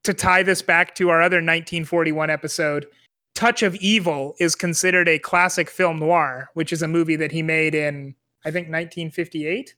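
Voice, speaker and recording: Bright high-voiced man, hesitant podcast host. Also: steady tone, normal speed. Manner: hesitant, many fillers and restarts. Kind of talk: casual film discussion.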